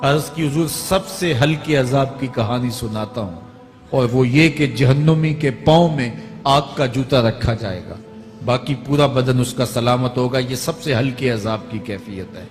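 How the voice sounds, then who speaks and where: A man of middle pitch preaches a sermon in a dramatic style, rising to fervent cries and sinking to low, grave tones. His voice rings with long hall reverb. Faint music plays beneath it. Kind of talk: Islamic sermon.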